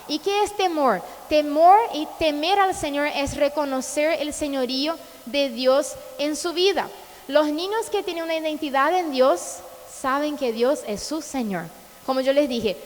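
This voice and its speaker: A woman's voice: high voice, big-room sound, low-quality recording. A woman pastor from Brazil preaching a sermon, passionate and full of rhetorical questions.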